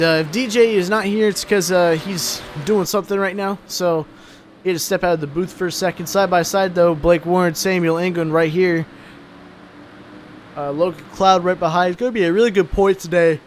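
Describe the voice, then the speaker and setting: A young man calls an online truck race in a relaxed, drowsy way. His voice sits a little high. A faint hum of noise runs under the recording. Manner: laid-back, tired, yawning between calls. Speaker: race commentator. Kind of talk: casual sim-racing commentary.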